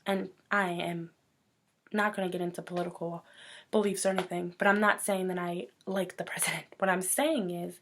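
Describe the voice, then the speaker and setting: Woman ranting with passion on her own show, kinda hoarse, earnest calls to stand up. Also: on the low side. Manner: earnest, impassioned rant with rallying calls. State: losing her voice. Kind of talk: personal talk show monologue.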